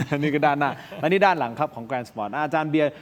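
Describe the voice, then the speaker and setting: A man's voice: a little high, fast talker, big-room sound, slight background noise. A middle-aged man hosting a studio talk show, chatty and joking as he plugs merchandise.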